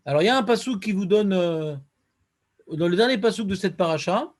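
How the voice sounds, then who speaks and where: A rabbi teaching a Talmud class speaks in a high voice, a little fast, as a lively, questioning teacher. He quotes Hebrew verses in a chant-like cadence during the lesson.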